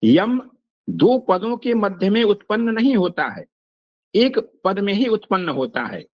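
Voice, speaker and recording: An older man lectures on phonetics in an unhurried, deliberate way, his voice sitting fairly high for a man. He stops often to recite verses and word examples. The recording is dry and slightly dull, with a lo-fi edge. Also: very animated, dry recording. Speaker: Sanskrit phonetics teacher. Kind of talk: lecture explaining a text line by line.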